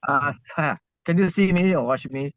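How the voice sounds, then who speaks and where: A man's voice: fairly high pitch, a bit bright, no echo. Man on car speakerphone. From Malaysia. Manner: halting, full of uh's and restarts. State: driving, speaking from inside his car. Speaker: webinar participant thanking the speaker. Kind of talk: casual spoken remarks on an online call. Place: inside a car. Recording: dull, muffled call audio from a car.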